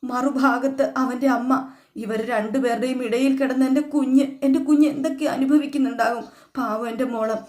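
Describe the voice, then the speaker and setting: A woman's voice: high-pitched, steady tone, brisk, a little mellow, natural voice. A woman voicing a grieving middle-aged mother who pleads tearfully about her daughter. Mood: sorrowful. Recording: echoey room.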